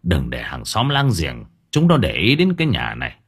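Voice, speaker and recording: A man voicing a gruff, irritable older village husband who snaps curtly in an audio story. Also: extremely low pitch, wildly swooping pitch, moderate pace, fairly bright tone, voice pushed down, full character voice. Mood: gruff irritated. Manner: curt, snapping.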